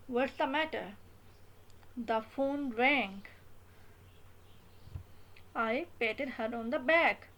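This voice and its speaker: A young woman with a high voice teaches English grammar as a patient lesson. She moves slowly through each rule, reading out English example phrases and leaning on the stressed words. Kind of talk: explaining grammar in a mix of Hindi-Urdu and English.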